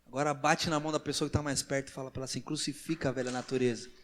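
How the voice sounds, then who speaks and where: A man with a Brazilian Portuguese accent preaching a sermon as pastor, in slow emphatic phrases that rise to loud exclamations. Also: medium pitch, fairly even intonation, a little hiss or hum. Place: large church hall. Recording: church hall with long reverb.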